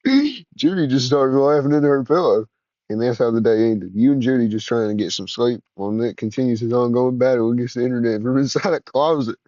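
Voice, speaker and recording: A man narrating an interactive story in the second person, in a smooth, even way. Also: medium pitch, a little fast, no room sound, lo-fi sound.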